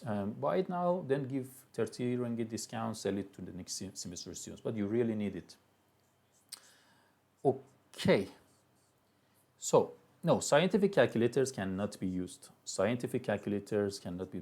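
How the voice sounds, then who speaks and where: A man's voice: lowish voice, expressive, moderate pace, creaky, darkish tone. A man from Iran with a Persian accent, a university lecturer giving a live classroom lecture in a loose, chatty way with many restarts.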